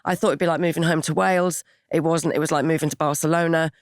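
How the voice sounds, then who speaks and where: An English man hosting a casual podcast chat, relaxed and chatty, often agreeing with his guest. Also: a little high, fast, dry recording. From England. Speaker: podcast host.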